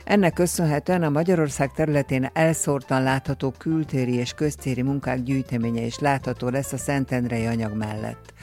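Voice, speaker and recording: A man reading a radio news item in a steady, formal way from a script. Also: mid-range voice, few pauses, soft background music. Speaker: newsreader.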